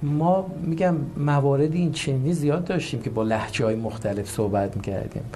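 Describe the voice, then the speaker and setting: A man's voice: mid-range voice, warm tone, slight background noise. Earnest man explaining at length. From Iranian Azerbaijan. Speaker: comedy actor as guest. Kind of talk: explanatory interview answers.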